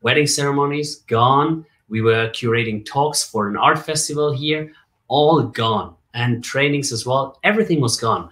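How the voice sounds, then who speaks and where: Forties male guest raised in Germany, coach and MC type; lively storytelling delivery, mid-range pitch. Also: normal speed. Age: 40s. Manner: lively storyteller, jokes and rhetorical asides. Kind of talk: casual interview on a video call.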